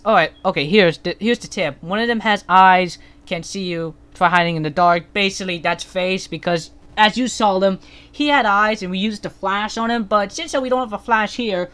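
A gaming channel host giving rambling, excitable let's-play commentary, full of fillers and restarts. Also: medium pitch.

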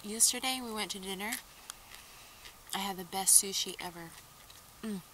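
A woman chats casually to the camera while eating, her words muffled because her mouth is full. She chews between remarks in a relaxed, easy way. The recording carries a clear layer of background noise. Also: mid-range voice, moderate pace. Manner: chatty, chewing between remarks. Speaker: vlogger. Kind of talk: casual mukbang chat.

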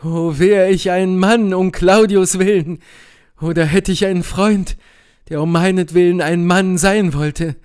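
A man's voice: high voice, steady tone, a little slow, darkish tone, clean tone, pitched above the performer's own voice. A man voicing a passionate young noblewoman, fiery and grieving, in an audiobook reading with impassioned outbursts. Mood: indignant.

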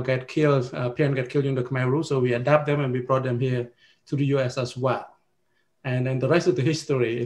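A man's voice: medium pitch, a little mellow. A man, introducing himself as a panelist on a video call in an earnest way, with many fillers and restarts. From Cambodia. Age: 50s. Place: indoors with a virtual background.

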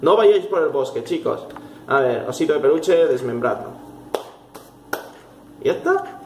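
A man's voice: on the high side, lively intonation, moderate pace. A young man with a Spain Spanish accent giving jokey let's play commentary on a horror game, swearing and easily startled. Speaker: gaming youtuber. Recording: echoey room with faint noise.

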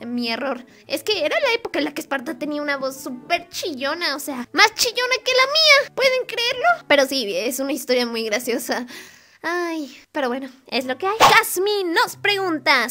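Woman, high voice, playful, giggly, reading fan questions aloud. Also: a bit bright. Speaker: YouTuber answering fan questions. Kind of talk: casual Q&A vlog.

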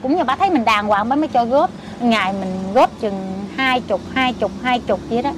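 A woman's voice: fairly high pitch, expressive, moderate pace. Chatty older Southern Vietnamese woman. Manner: chatty, emphatic storytelling with exclamations. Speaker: interviewee, lottery ticket seller's mother-in-law. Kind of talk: casual conversation. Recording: street noise behind.

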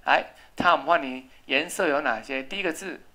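A woman's voice: low voice, moderate pace, sharp tone. A woman English teacher, leading a classroom lesson and patiently drilling spelling and pronunciation.

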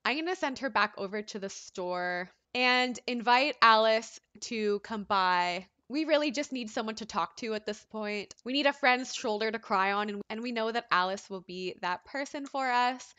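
A young woman hosts a let's play of a life-sim game, commenting casually in a chatty, dramatic way and sometimes voicing the game's characters. Her voice is a little high with a sharp tone, and there's no room sound.

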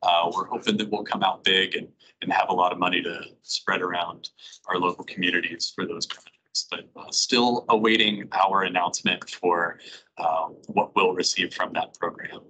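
A man giving updates at a public advisory board meeting, talking in a relaxed way with many filler sounds. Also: deep voice, normal speed, husky, low-quality recording. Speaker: regional planning staff presenter. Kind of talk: meeting presentation.

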